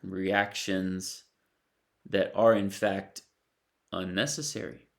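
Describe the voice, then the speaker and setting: A middle-aged man speaks in an unhurried, reflective way with a deep voice. His gravelly tone stays flat and even. He leaves long pauses between phrases. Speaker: spiritual teacher. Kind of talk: slow reflective talk.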